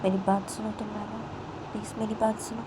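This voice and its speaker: A woman's voice: medium pitch, little pitch movement, fairly quick, very noisy, pitched above the performer's own voice, close to an everyday voice. A woman voicing an anxious young woman who fusses and pleads again and again. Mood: pleading. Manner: fussing, repeats pleas over and over.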